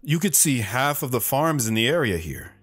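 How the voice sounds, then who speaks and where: With a sing-song, fairly bright mid-range voice at a moderate pace, an actor portrays a lone wanderer telling of his romance. It's dramatic first-person narration from a radio show storytelling guest, set to plucked guitar, earnest and hesitant in a wistful, reflective mood.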